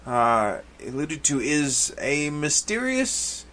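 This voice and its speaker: A man's voice: a little high, very animated, takes it slowly, pushed and bright, voice pushed up, exaggerated voice. A man doing an earnest, hesitant alien minister. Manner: formal, hesitant.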